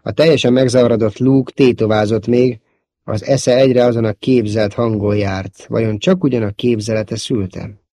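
A man narrating a novel as an audiobook in a steady, measured reading. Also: medium pitch, no echo, clean studio sound.

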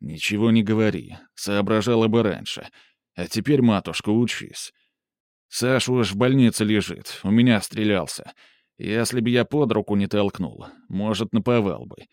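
A man's voice: lowish voice, normal speed, a little mellow, dry recording, clean studio sound, natural voice. A man voicing a stern, domineering young man who scolds and commands harshly.

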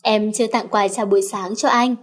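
A woman's voice: mid-range voice, fairly even intonation, brisk, close to an everyday voice. A woman voicing an affectionate young husband who talks fondly and playfully to his wife in an audiobook story.

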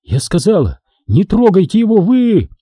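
Мужчина изображает дерзкую пленницу-воительницу. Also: male voice, high-pitched, wildly swooping pitch, moderate pace, slightly rough, no echo, clean studio sound, pitched above the performer's own voice, full character voice. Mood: defiant. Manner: shouting, defiant. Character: defiant captive native woman warrior.

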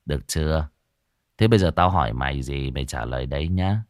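A man playing a stern young exorcist from a spoken ghost story, growling low, menacing threats. The delivery is lively in pitch and recorded dry and close. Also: fairly quick, no room sound. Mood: cold.

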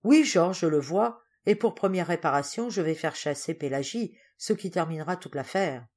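A woman reading the part of an anxious, quick-tempered father, in an excitable, exclamatory way. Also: lowish voice, natural voice. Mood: relieved.

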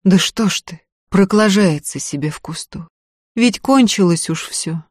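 A woman reading aloud voices a stern, bold young peasant woman who speaks in a flat, calm, hushed way. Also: mid-range voice, a little slow, no room sound, studio quality, natural voice.

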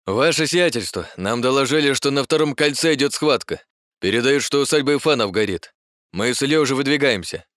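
A man's voice: mid-range voice, expressive, a bit bright, no room sound, clean studio sound, voice pushed up, lightly acted. Male narrator doing a nervous junior officer reporting in a rush, in an audiobook. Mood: flustered. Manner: hurried, stumbling report.

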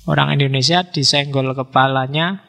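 A man's voice: medium pitch, fairly even intonation, moderate pace, gravelly, bright, forceful tone, in a large hall. A man giving a casual public lecture on philosophy, talking conversationally and asking the audience rhetorical questions.

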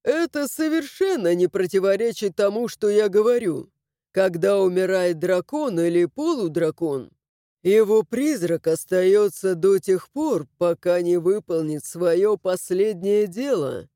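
Woman doing a mocking crow-like dragon, lowered and drawling, dark and mellow, dry storybook read. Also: lively intonation, a little slow, no room sound, lightly acted. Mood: sardonic. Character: sardonic male dragon like a big crow. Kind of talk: audiobook character voicing.

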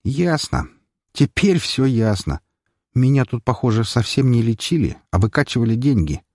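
A man's voice: mid-range voice, big pitch swings, moderate pace, darkish tone, dry recording, studio quality, voice pushed up. A man doing a curt, bossy young hero. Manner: curt, barking orders. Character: blunt young male hero, rude and commanding.

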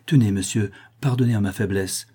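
A gentle, fearful mother speaks, as a male narrator puts her on, her voice only a little raised. The sound is mellow and husky. She speaks softly and anxiously. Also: on the low side, brisk. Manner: soft, fearful. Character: gentle middle-aged mother, woman, timid. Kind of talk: audiobook character voice.

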